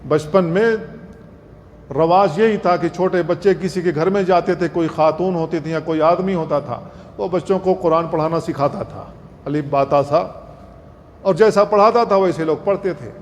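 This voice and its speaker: Male religious lecturer, high voice, instructive and repetitive, long reverb with faint hiss. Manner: earnest, instructive, repeats points, demonstrates recitation slowly. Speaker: Islamic scholar, lecturer.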